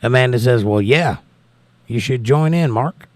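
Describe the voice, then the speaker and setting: An American man with a crackly, medium-pitched, darkish voice hosts a casual livestream at a measured pace, in a dry recording. He reads out viewer messages and thanks people in a folksy way, blessing his listeners.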